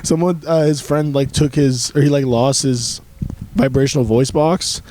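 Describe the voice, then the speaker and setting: A man's voice: mid-range voice, steady tone, normal speed, a little mellow, slight background noise. A young man co-hosting a podcast in casual chat, joking and rambling, laughing often. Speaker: podcast co-host.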